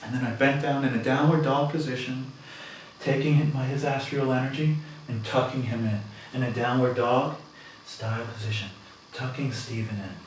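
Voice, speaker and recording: A man speaking softly and earnestly as a self-important meditation guide in a mock guided meditation. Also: mid-range voice, steady tone, moderate pace. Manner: soft-spoken, earnest, solemn, self-important. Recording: very echoey, distant mic, faint noise.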